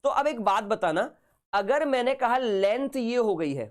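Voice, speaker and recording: A man with a sore, hoarse throat teaching physics in a casual, chatty live online class. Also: extremely high pitch, lively intonation, unhurried. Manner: casual, chatty, talks to students informally.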